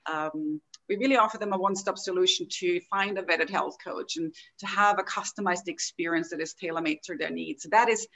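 Woman, lower voice. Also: a little fast, a bit bright, rough recording. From Austria. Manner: earnest, open storytelling. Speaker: guest, health coaching founder. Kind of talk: podcast interview over video call. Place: home room at a desk. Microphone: laptop video call.

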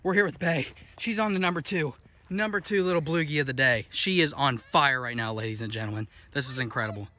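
A man's voice: fairly high pitch, brisk, sharp tone. A young man hosting a casual vlog, joking in a playful sportscaster style. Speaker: vlog host.

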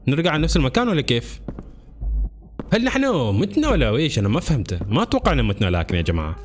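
A man commentating a horror game let's-play, excitable and jumpy, constantly calling out to his viewers. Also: medium pitch, very fast. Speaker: gaming channel host.

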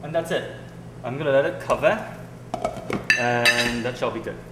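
In a large indoor kitchen, a young man from Singapore cooks and hosts his show, talking in a relaxed, hesitant manner peppered with ums. He speaks at a moderate pace in a mid-range voice. Filmed from some way off by a camera, the audio carries reverb and heavy background noise.

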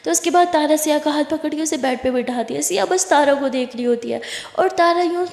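A woman casually narrating a romance story aloud, voicing the characters' lines with lively shifts. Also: sits high, brisk, creaky. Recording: echoey room with long reverb.

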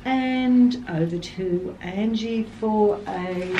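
A woman's voice: mid-range voice, extremely slow, dull audio, noisy background. An older woman, chatting casually and homely as a community radio presenter. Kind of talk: casual chat.

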